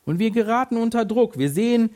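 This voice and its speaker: A man preaching a sermon, telling a vivid story to the listener in second person with lively, animated delivery. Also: very high-pitched, fairly quick.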